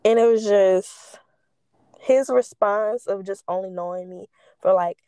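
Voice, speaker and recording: A woman's voice: medium pitch, unhurried, warm tone, clear, resonant tone, dry recording. A young woman telling personal stories casually, stoned and rambling, losing her thread, with candid slang and free swearing.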